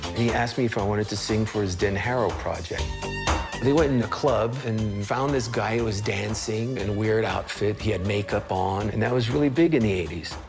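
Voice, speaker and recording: A man in his sixties from Switzerland, a singer telling stories about his career in a relaxed interview. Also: lowish voice, normal speed, over loud music. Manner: anecdotal, acts out other people's lines.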